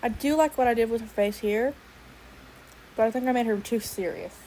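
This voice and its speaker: A woman's voice: on the high side, fairly quick, warm tone, a little hiss or hum, rough recording. A young adult woman streamer chatting casually while she draws, thinking aloud and swearing now and then. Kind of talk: casual livestream chat while drawing.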